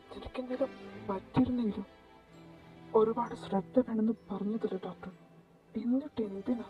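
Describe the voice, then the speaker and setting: A woman voicing a worried, quick-tempered young husband and expectant father in an amateur audio drama. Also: mid-range voice, dull audio, close to an everyday voice. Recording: distant mic with faint background music. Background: faint music.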